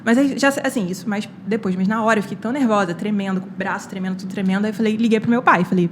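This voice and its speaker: A young Brazilian woman talks quickly and casually, retelling events with quoted dialogue and plenty of fillers. Her voice sits at a middle pitch, with faint ambient noise in the background. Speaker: guest, medical student. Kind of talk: casual podcast storytelling.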